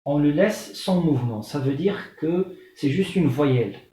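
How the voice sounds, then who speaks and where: A man's voice: a little high, animated, unhurried, warm tone. A man teaching an Arabic lesson, patiently sounding out syllables one by one and repeating them. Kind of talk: slow spelled-out language lesson. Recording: echoey room, dull lo-fi sound.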